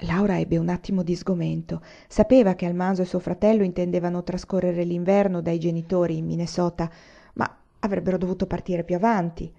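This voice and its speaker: A woman reading a novel aloud, gently voicing the characters with small lifts in pitch. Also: flat delivery, brisk, gravelly. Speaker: audiobook reader. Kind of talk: read-aloud novel narration. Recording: dull lo-fi recording.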